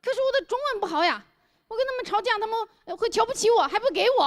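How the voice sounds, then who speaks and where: A woman voicing a naive young foreign man who talks in a wounded, pleading, halting way. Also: extremely high pitch, animated, pitched above the performer's own voice.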